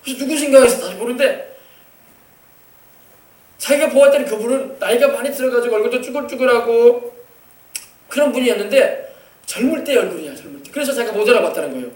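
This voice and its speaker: A pastor with a South Jeolla accent giving a children's sermon, asking the children questions and waiting for their answers. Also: male voice, very high voice, fast talker, long pauses, a little mellow. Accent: Korean, South Jeolla (Yeosu). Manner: asks the children questions and waits for replies. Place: church sanctuary. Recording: echoey church hall, voice from far off.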